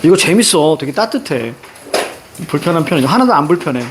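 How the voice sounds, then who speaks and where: A male teacher lecturing his class on a novel, chatty and animated, talking straight to the students. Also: fairly high pitch, a little fast, background noise.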